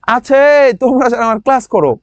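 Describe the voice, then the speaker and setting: A man with a regional Bangladeshi lilt teaching a grammar class online. He drills words by saying them slowly again and again and keeps asking his students questions. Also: very high voice, expressive, no echo, highs cut off. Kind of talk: online admission-prep class.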